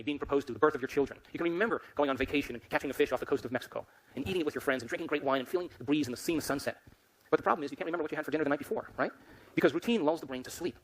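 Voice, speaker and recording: A man's voice: on the high side, rough recording. A man giving a motivational lecture to a live audience, emphatic and constantly quizzing the crowd with questions.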